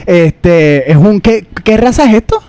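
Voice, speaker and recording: A man's voice: high-pitched, expressive, measured pace, mellow, clear, resonant tone. A young man co-hosting a podcast in casual chat, laughing often and stumbling over repeated words. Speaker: podcast co-host.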